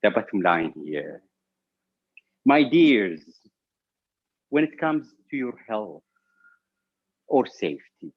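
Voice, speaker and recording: Slow, dull-toned man telling a story. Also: lowish voice, very animated. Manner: storyteller acting out family dialogue. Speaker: contest speaker. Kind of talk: humorous speech.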